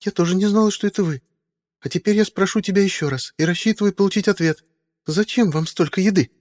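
A man reading a storybook voices a young woman, nervous and suspicious, with high questioning speech. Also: quick pace, darkish tone, big-room sound, natural voice.

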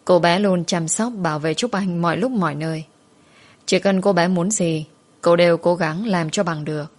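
A woman telling a story in steady, scripted narration. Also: lowish voice, normal speed.

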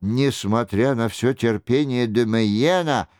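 Slow, smooth-voiced male narrator. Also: medium pitch, darkish tone, no room sound, studio quality. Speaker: audiobook narrator. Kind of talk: scripted narration.

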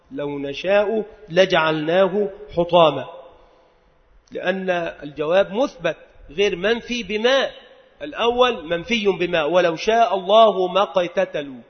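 A man teaching a lesson on creed and grammar, explaining step by step, asking and answering his own questions, and reciting quoted verses more slowly. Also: high-pitched. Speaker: religious teacher. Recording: dull lo-fi recording with long reverb.

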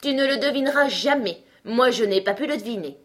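A woman's voice: on the high side, expressive, brisk, pitched above the performer's own voice. A woman voicing a male unicorn in a storybook reading, offhand, disdainful and bossy.

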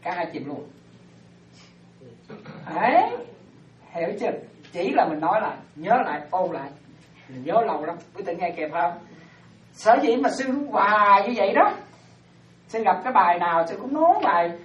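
A woman Buddhist teacher giving an animated dharma talk to lay followers, often checking that they follow. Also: fairly low pitch, normal speed, pauses often, a little hiss or hum. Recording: roomy, distant, dull lo-fi sound.

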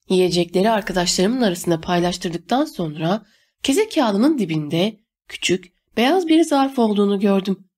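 A woman reads a first-person story aloud as an audiobook narrator. Her pitch moves a great deal, giving the scripted narration an animated, storytelling lilt. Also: breathy edge. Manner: expressive, animated reading.

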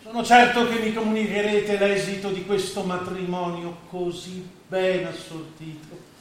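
In an echoey stage recording with faint noise, a man with a high-pitched, fairly flat voice speaks at a measured pace. He's an actor in an Italian radio drama, playing a scheming middle-aged stepfather and financier with sarcastic grandiosity and a theatrical, oratorical delivery.

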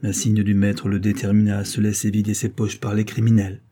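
A man narrating a detective novel as an audiobook, in a steady, even reading. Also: lowish voice, a little fast, breathy edge.

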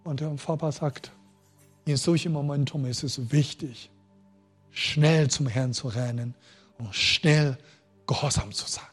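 Husky-voiced man preaching a sermon. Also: on the high side. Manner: emotional, swings between loud and quiet; makes grammar slips and restarts.

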